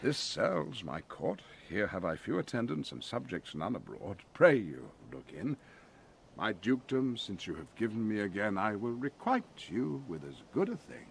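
A man's voice: on the low side, huge pitch swings, exaggerated voice. Man acting Prospero, a commanding duke, swooping delivery. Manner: theatrical, measured, formal. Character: Prospero, commanding wronged duke and grieving father. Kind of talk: Shakespearean audio drama acting. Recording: clear background noise, ambience.

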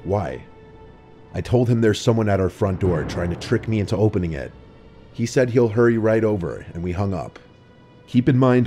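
A man narrating a first-person horror story in a low, hushed storytelling delivery. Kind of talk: scripted narration. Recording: faint music behind the voice.

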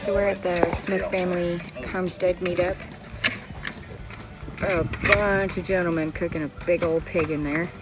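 A woman's voice: lowish voice, flat delivery, normal speed, loud music behind the voice. A woman chatting through a vlog outdoors at a farm gathering, explaining what is going on around her. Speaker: homestead vlogger. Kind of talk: casual vlog narration.

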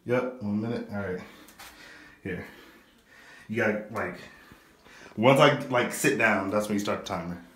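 A man's voice: on the low side, unhurried, pauses often. A young man chatting casually for a vlog, nervous and full of exclamations. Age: young adult. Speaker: vlogger doing an ice bath challenge. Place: small tiled bathroom at home. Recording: echoey bathroom with loud noise.

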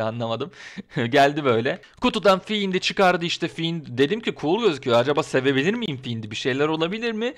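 Fast-talking excitable man vlogging. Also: a little high. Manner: excitable, ranting, colloquial. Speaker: wrestling commentary vlogger. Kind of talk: casual opinion vlog.

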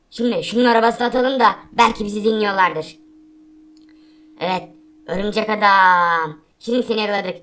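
A woman voicing a male alien villain who taunts slowly in a toy play-acting video. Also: fairly high pitch, voice pushed down, natural voice. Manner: slow, taunting gloat.

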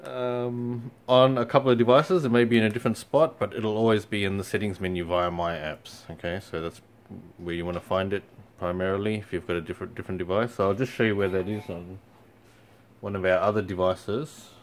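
Speaking briskly in a lowish voice, a young company product presenter gives a casual walkthrough on resetting a device. He is indoors before a TV screen, relaxed and full of ums.

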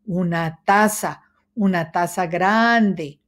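Storybook dog, woman doing it: big, calm, kindly, slow. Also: fairly low pitch. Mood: eager. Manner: calm, suggesting tone. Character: big friendly male dog, calm and thoughtful. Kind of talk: children's storybook reading.

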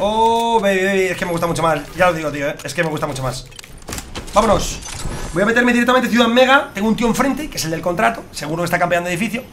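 A young man with a Spain Spanish accent, commentating his gameplay to viewers in a chatty, slangy, excitable way. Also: sits high, quick pace, background noise. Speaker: gaming streamer. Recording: loud game music behind.

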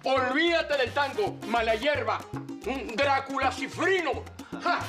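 An actor playing a sarcastic, mocking politician in a telenovela scene. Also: male voice, very high voice, expressive, a little slow. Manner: mocking, teasing and theatrical. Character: scoffing middle-aged male politician, sarcastic. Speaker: government official in a telenovela. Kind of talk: telenovela acting. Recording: soap opera scene with music behind.

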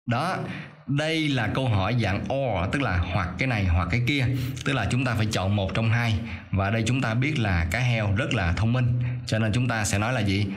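A male teacher doing a voice-over for a lesson: he reads English sentences slowly and carefully, then explains them quickly. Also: medium pitch. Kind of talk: explaining an English reading exercise.

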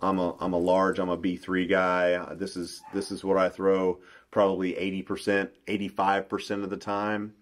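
A middle-aged man, a bass fishing pro, explaining his baits in a casual, folksy interview with plenty of restarts, recorded in a small room. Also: completely flat delivery, normal speed. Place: small indoor room at a table.

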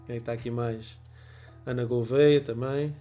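A man in his forties with a European Portuguese accent hosts a photography livestream from a small room at home, speaking into a wired earphone mic with faint music behind him. He has a cold, yet his mid-range voice stays steady and warm at a moderate pace. He chats casually, reads viewer comments, greets people by name, and laughs often.

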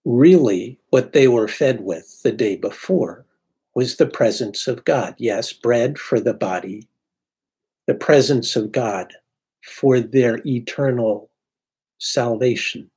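A man in his sixties, a priest, giving an unhurried, reflective sermon from his home study into a webcam. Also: medium pitch, darkish tone, breathy edge. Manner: unhurried, reflective preaching with pauses. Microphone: webcam at desk.

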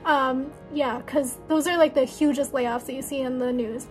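Young woman, high voice, rambling vlog chatter with faint music behind. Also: steady tone, normal speed. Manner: rambling, many ums and likes. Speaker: vlogger. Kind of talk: casual vlog chat.

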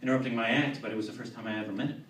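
A young man performing a stand-up set in a comedy club, with a deadpan, halting delivery full of fillers and restarts. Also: mid-range voice, heavy background noise. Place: comedy club with live audience. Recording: roomy, distant club mic with crowd.

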